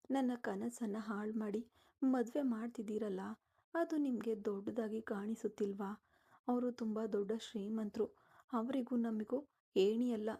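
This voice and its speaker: Tearful young bride in a storybook tale, pleading, creaky and husky, read by a woman narrator. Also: a little high, dark tone, heavily acted. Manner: pleading, upset.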